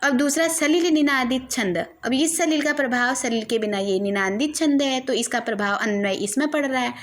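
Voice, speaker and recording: A woman teaching a Hindi literature lesson, explaining verse lines and reciting them slowly. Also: high-pitched. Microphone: phone recording.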